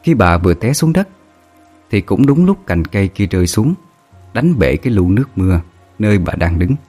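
A man's voice: fairly low pitch, sing-song, normal speed, mellow, husky, faint music behind. A man narrating a sad ghost story in an emotive, dramatic way.

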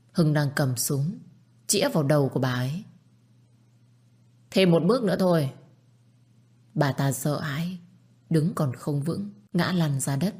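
A woman narrating a story in a steady, even reading voice. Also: deep voice, slightly rough.

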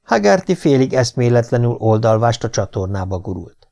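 A man's voice: medium pitch, very animated, gravelly, mellow. A man narrating a horror audiobook with dramatic storytelling. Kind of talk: scripted narration.

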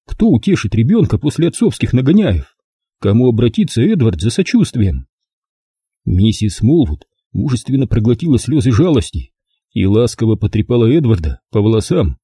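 A man reading a novel aloud as an expressive audiobook narrator. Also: medium pitch, moderate pace, slightly rough, dry recording, studio quality. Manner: expressive storytelling. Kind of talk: scripted narration.

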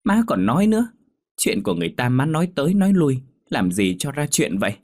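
A man voicing a gentle, worried young woman who speaks softly and hesitantly. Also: lowish voice, lively intonation, a little fast. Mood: pleading. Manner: soft, hesitant, stammering.

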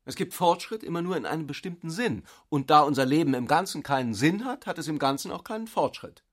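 An actor playing a calmly provocative, ironic grown man in a radio play. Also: fairly high pitch, fast, pitched above the performer's own voice.

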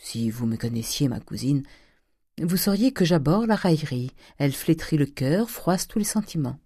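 A woman reading an audiobook, voicing a flattering young male Parisian dandy in an airy, coquettish way. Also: low voice, moderate pace, breathy edge, dry recording, studio quality.

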